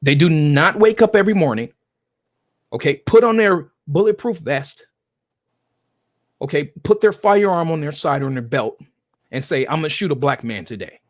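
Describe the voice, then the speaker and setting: A man's voice: on the high side, lively intonation, moderate pace, pauses often. A man appearing as a guest commentator in a heated political discussion, lecturing point by point and checking in with "okay?" again and again.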